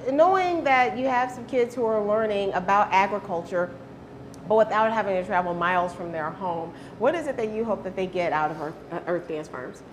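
A woman's voice: medium pitch, moderate pace, slight background noise. Upbeat woman hosting a morning show. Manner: upbeat, echoes the guest's words. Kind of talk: live TV interview. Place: TV studio kitchen set.

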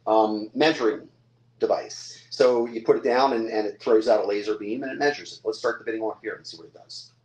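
A man's voice: on the low side, fairly quick, darkish tone. An older man running a live-stream auction, describing each item in a chatty salesman patter and calling out bids. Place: hotel room or lounge, indoors. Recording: echoey room.

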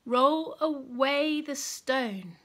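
Woman reading as calm sorrowful Jesus, slow solemn delivery, bright voice, children's storybook. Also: on the high side.

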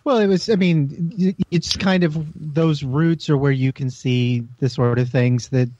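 Halting, mellow-voiced male podcast host. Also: a little high. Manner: rambling, halting, restarts phrases often. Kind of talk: casual group podcast chat. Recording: slightly dull, dry podcast audio.

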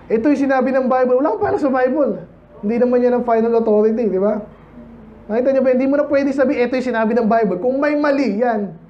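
A high-pitched man with a Filipino accent preaches a Baptist sermon in a conversational way. He asks the congregation for responses and acts out other people in a higher voice. The church recording sounds dull, with faint background noise. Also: fast. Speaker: pastor.

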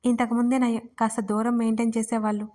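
A woman voicing a feisty, quick-tempered young heroine in a read-aloud romance story. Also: on the high side, level tone, natural voice. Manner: sulky, sharp-tongued.

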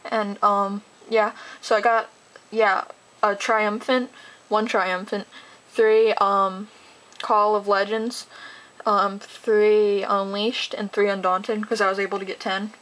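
A teenage girl chatting casually while opening trading card packs, talking fast and rambling excitedly. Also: medium pitch, poor audio. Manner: gushing, excitable. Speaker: card collector vlogger. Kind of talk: casual unboxing chat.

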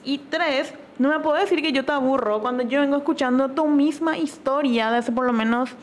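A young woman tells gossip on a stream in a lively, chatty way, full of fillers. Her voice sits fairly high. There is faint noise behind her. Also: fairly quick. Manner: animated storytelling with frequent fillers. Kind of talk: casual gossip chat.

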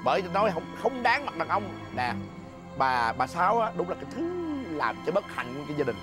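A man's voice: on the high side, very animated, a little fast, music in the background. A man with a Southern Vietnamese accent playing a blustering, stammering husband in a comedy skit.

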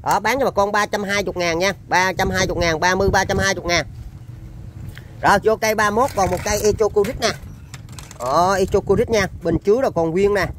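A high-voiced man with a Southern Vietnamese accent gives a casual sales pitch for used machines. His patter is chatty and repetitive, and there is clear ambient noise in the recording. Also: quick pace, fairly bright tone. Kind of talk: informal live sales demonstration.

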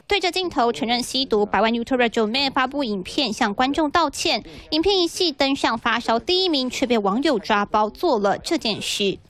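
A woman's voice: on the high side, lively intonation, normal speed, few pauses, a bit bright. A woman with a Taiwanese Mandarin accent reading scripted news narration as a reporter.

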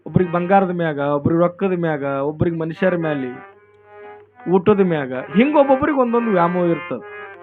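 A man's voice: high-pitched, animated, normal speed. A man with a North Karnataka Kannada accent telling a devotional story in a sing-song, emphatic manner, repeating his phrases. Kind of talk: religious storytelling discourse. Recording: tinny phone-like sound, faint accordion. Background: faint accordion music.

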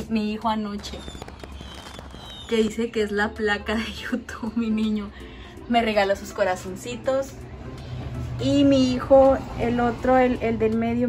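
Chatty woman giving a home tour. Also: fairly high pitch. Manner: chatty, addresses viewers as friends, walking while filming. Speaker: vlogger. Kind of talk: casual house tour vlog. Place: small home indoors. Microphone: phone held in hand.

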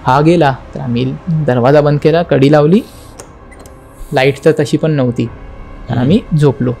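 A young man with a fairly high voice tells a spooky story as a podcast guest. He retells it dramatically, acting out the voices and the knocking sounds, and slips English words into his speech. Soft music plays faintly behind him. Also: fairly even intonation, moderate pace, creaky.

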